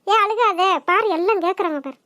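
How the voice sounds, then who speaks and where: A woman's voice: very high-pitched, brisk, bright, forceful tone, no room sound, studio quality. A woman voicing a hesitant young female college student who stammers and then consoles her friend. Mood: consoling. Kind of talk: cartoon voice acting.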